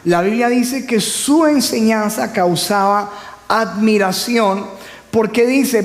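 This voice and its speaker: A man preaches in a church hall, calling on the congregation to repeat after him. He speaks slowly in a high voice. The recording carries a long, echoing reverb. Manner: call-and-response preaching with humor. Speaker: pastor. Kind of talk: sermon.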